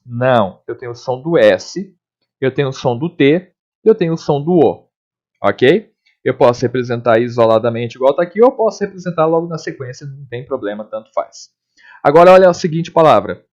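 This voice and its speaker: A male teacher, speaking in a somewhat high voice. He explains lively and step by step, often pausing to check in with his students. The recording sounds dull and lo-fi. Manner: lively, explanatory, frequent check-ins with listeners. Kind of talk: recorded classroom lesson.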